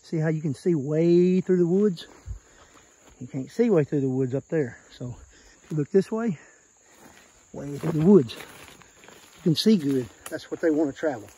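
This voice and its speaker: Walking the woods for a casual vlog, an Arkansas hunter with a Southern accent gives scouting tips in a plain, folksy way, pointing things out. His fairly high, dark, slightly rough voice is animated yet a little slow, with long pauses. The field recording has poor audio and faint natural noise.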